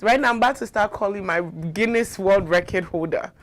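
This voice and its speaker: A woman's voice: mid-range voice, fairly quick. A woman interviewing a guest in a casual sit-down, friendly and playful, laughing along as she asks questions.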